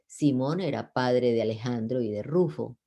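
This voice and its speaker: A man's voice: medium pitch, normal speed, vocal fry, warm tone. A man reading a Bible passage aloud in an unpolished way, stumbling now and then and correcting himself. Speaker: Bible reader.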